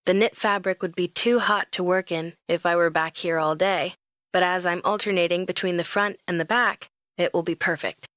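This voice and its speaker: Brief: young woman, romance audiobook narrator, lively and expressive, close dry read. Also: lowish voice, normal speed, no room sound.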